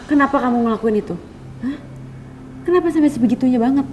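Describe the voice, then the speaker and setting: A woman's voice: high voice, fast, darkish tone, slight background noise, lightly acted. An actress playing an insistent young girlfriend in a TV soap, who presses her partner with questions. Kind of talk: TV soap acting.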